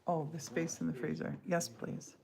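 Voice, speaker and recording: Crowd noise sits behind a low-pitched, flat voice with vocal fry, moving at a normal speed. The speaker, a woman in her sixties, rambles and interrupts herself as she crafts and chats on a livestream from her home studio through the device mic.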